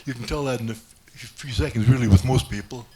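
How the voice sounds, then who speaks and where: A man's voice: medium pitch, fast talker, mellow, slight background noise. A man doing stand-up, telling a rambling self-mocking story with many restarts. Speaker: stand-up comedian. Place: comedy club stage.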